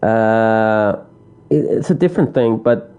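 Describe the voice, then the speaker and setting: A man's voice: lowish voice, animated, takes it slowly, dark tone, clear, resonant tone. A man from Denmark with a Danish accent, chatting casually as an interview guest, hesitant with many restarts. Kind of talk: casual chat.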